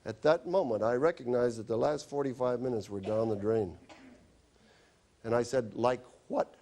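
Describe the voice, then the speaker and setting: A man's voice: medium pitch, normal speed, gravelly, dark tone. A man who is a doctor, telling chatty, wry anecdotes in a health lecture. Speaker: doctor giving a stop-smoking talk.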